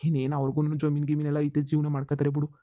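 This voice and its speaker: A soft-hearted grown son from a cartoon comedy, as a man puts him on, pleading. His voice is quick and high, with little rise and fall. The recording sounds tinny, like a phone line. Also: monotone, no room sound, lightly acted. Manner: pleading, placating.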